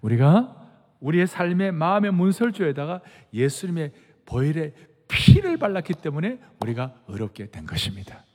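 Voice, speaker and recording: A man in his sixties, a senior pastor preaching a sermon, emphatic, repeating key phrases and swinging from hushed to loud. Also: a little high, sing-song, moderate pace. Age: 60s. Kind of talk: sermon with personal anecdote. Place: large church sanctuary. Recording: long reverb of a big hall.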